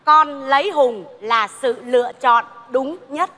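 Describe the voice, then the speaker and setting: A woman's voice: high-pitched, slow, pushed and bright, full character voice. A woman playing a bossy, snobbish mother-in-law in a stage comedy sketch, mocking and scolding. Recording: live stage mic, reverberant theatre with audience.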